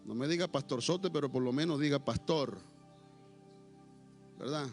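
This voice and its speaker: Gravelly high-voiced preaching man. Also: moderate pace, faint music behind. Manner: swings between shouted declarations and low, quiet asides; playful, teasing with diminutives. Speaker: pastor. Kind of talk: Pentecostal sermon. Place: church service with congregation.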